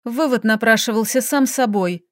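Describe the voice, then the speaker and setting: A woman reading a first-person story aloud as an audiobook, steady and measured. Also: on the high side, no room sound, clean studio sound. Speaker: audiobook narrator.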